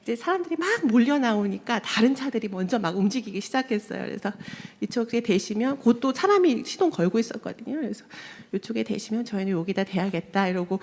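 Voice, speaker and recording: Woman telling a lively story in a hall. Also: a little high, fast, hardly any pauses. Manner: lively storytelling, acts out quoted voices, laughs often. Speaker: church member giving testimony. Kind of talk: personal testimony told to a congregation. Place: church sanctuary.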